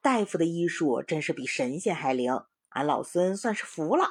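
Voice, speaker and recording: A woman's voice: low voice, expressive, moderate pace, husky, voice pushed up. A woman voicing a cocky, brash male monkey king in a storybook reading.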